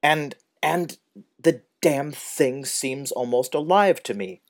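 A man reading the lines of a flustered, bewildered man in an audiobook, with an excitable, exasperated delivery. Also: medium pitch, takes it slowly, voice pushed up.

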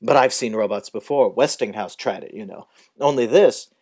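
A man's voice: mid-range voice, moderate pace, a little mellow, husky, close to an everyday voice. A man reading the lines of a gangling, sardonic older man in an audiobook, with a brusque and wry delivery. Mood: dry, wry.

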